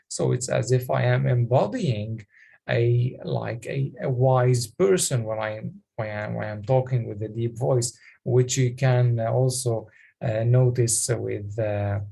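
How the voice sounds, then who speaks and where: A man coaching public speaking on a video call, talking haltingly with many fillers and restarts. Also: mid-range voice, vocal fry, mellow, slightly rough. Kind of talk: online coaching session.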